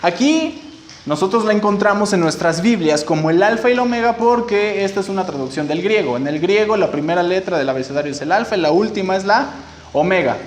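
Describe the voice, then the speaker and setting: A man's voice: high voice, expressive, brisk. A man teaching a Bible study to a group, explaining patiently and checking in often with "ok?". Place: room with a listening group. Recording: echoey room, faint background noise.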